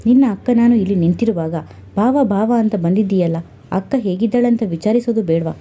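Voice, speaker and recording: A woman's voice: mid-range voice, brisk, lightly acted. A woman voicing a bitter, sarcastic young wife in an audio story. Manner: sharp, sarcastic.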